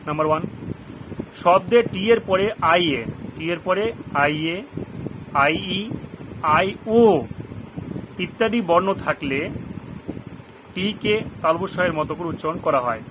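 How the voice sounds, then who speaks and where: Man teaching pronunciation over a hum. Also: high voice. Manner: repeats rules slowly, gives word examples with meanings; asks the listeners questions. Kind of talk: classroom lesson in Bengali. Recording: noisy background hum.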